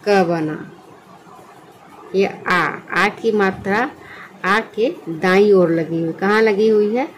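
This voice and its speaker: Woman teacher, very slow, asks and answers her own questions, faint hiss behind. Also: medium pitch, poor audio. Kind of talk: slow children's lesson.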